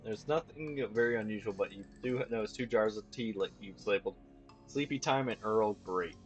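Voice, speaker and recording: A man's voice: lowish voice, moderate pace, highs cut off, faint music behind. A man reading a video game's text aloud as a let's play host, stumbling and restarting now and then. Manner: plain reading with slips and restarts.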